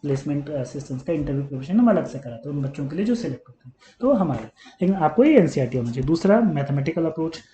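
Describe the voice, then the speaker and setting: A man's voice: a little high, lively intonation, fast, mellow. A man teaching chemistry to exam students, earnest and coaxing, often calling them "beta" and repeating his points on his words. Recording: echoey room with faint hum.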